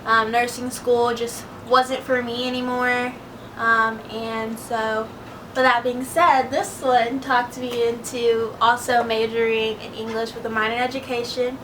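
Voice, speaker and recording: A woman's voice: on the high side, a little slow. A twenty-year-old woman co-hosting a casual Q&A vlog, easygoing and saying "um" often. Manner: easygoing, frequent ums. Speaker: vlog co-host. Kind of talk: casual Q&A chat. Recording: distant mic with steady background noise.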